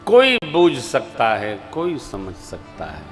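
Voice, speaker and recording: Slow, emphatic preacher man. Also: mid-range voice, wildly swooping pitch, faint music behind. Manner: slow, emphatic, swings between soft asides and loud rising exclamations; chants verses of scripture in a drawn-out singsong. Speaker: Ram Katha preacher. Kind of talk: devotional sermon.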